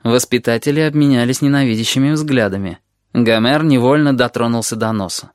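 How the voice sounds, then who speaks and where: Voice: mid-range voice, a little fast, dry recording, studio quality. An audiobook narrator reading prose expressively. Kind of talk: scripted narration.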